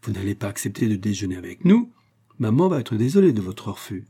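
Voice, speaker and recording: A man voicing an excitable young working man in an audiobook. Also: fairly low pitch, a little fast, breathy edge. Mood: exuberant. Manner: exuberant, excitable.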